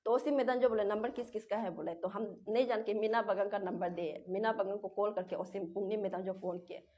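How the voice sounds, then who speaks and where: The speaker is a young woman from Arunachal Pradesh, Northeast India, a local language being her native one, interviewed on a dull lo-fi recording. With a medium-pitched, dark, steady voice that moves a little fast, she tells her own story in a rambling, repetitive, distressed manner.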